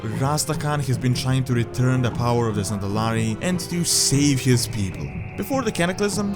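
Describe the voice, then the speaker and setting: Man narrating a top ten countdown over prominent music. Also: medium pitch. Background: background music.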